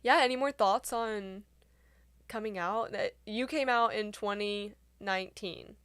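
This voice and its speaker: A woman's voice: mid-range voice, measured pace, fairly bright tone, clean tone, no room sound. Young woman co-hosting a chill podcast, playful and laughy, dry close sound. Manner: chatty, playful, laughs often. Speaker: podcast co-host. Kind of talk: casual chat.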